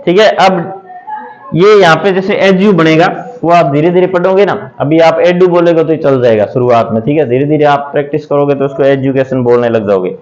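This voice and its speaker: A man's voice: on the high side, a little fast, a little mellow. A male teacher giving a step-by-step phonics lesson, repeating each question and answering it himself while writing examples on a board. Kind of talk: classroom lesson on English phonics. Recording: dull lo-fi recording.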